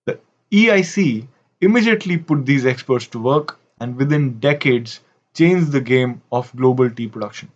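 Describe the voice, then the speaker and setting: A man's voice: medium pitch, lively intonation, normal speed. A man from India, hosting a history video in wry scripted narration with casual asides, on dull lo-fi audio.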